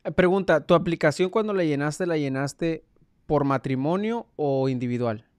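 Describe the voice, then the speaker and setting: A man's voice: on the high side, moderate pace, clean tone, no echo, clean studio sound. A man hosting, explaining things to viewers and backing the guest with frequent "ujú". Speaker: host. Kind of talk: casual interview.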